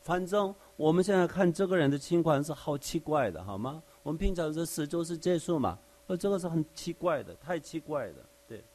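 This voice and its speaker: Brisk and sing-song, with hardly any pauses, this slightly mellow, higher-pitched voice belongs to a Bible teacher. He preaches conversationally, explaining each verse with everyday examples and often asking rhetorical questions.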